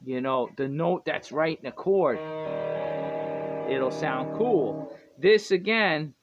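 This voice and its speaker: High-voiced rambling guitar teacher man. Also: animated, slow. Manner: rambling, self-correcting, chuckles often. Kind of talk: casual music lesson. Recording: dull lo-fi with guitar playing.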